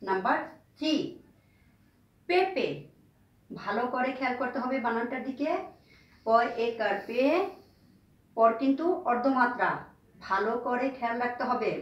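Slow, patient woman teacher spelling aloud. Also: fairly high pitch, echoey room, far from the mic, poor audio. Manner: slow, spells each word letter by letter and repeats it; patient, checks if pupils have written. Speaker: primary school teacher. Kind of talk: recorded classroom lesson.

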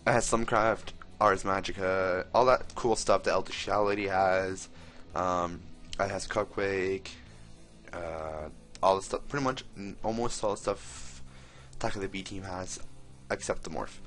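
A young man giving casual, excitable commentary while he plays, exclaiming often and talking to the characters on screen. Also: deep voice, unhurried. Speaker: gameplay commentator.

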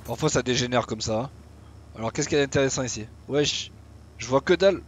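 A young man, a gaming YouTuber, talks casually over his own gameplay in a medium-pitched, husky voice at a fairly quick clip. He's chatty, talks to himself as he plays, and swears now and then.

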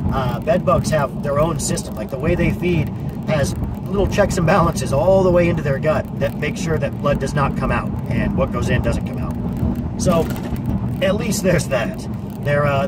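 Man talking from the driver's seat. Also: fairly high pitch. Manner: earnest, practical advice with frequent "you know" and restarts. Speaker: pest control technician. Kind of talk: casual explainer monologue. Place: parked car, indoors of vehicle. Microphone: camera on dashboard. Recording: distant car-cabin sound with loud background noise.

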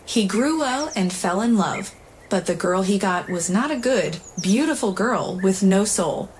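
A woman voicing a frail, lonely old grandmother who speaks softly and weakly, with faint noise in the recording. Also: mid-range voice, expressive, a little slow, lightly acted. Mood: weary. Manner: soft, weak-voiced.

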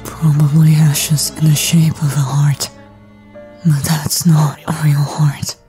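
A woman voicing a bitter, grieving young man in a hushed, slow, anguished anime fan dub. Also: low voice, little pitch movement, faint music behind. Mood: dismissive.

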